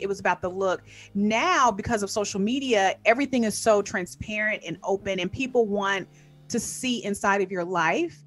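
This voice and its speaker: A woman speaking as a podcast guest in casual interview chat, upbeat and emphatic, often repeating her key points. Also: mid-range voice. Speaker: podcast guest, music performer.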